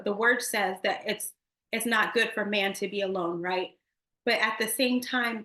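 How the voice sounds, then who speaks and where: A woman in her thirties tells her faith testimony in an earnest, emotional way and talks straight to her viewers. Her voice sits at a middle pitch. The room around her rings with a noticeable echo. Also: fairly bright tone. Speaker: testimony speaker. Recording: echoey room.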